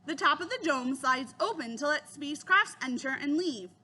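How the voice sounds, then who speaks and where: A woman's voice: sits high, expressive, normal speed, pushed and bright. A woman voicing a cautious, bookish young boy in a storybook. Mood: earnest.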